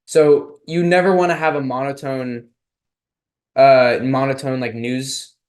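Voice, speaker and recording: A man's voice: medium pitch, fairly even intonation, a little slow, darkish tone. Casual young man from Texas coaching. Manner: casual, filler-heavy coaching talk. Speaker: speech and debate coach. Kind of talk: online lecture with Q and A.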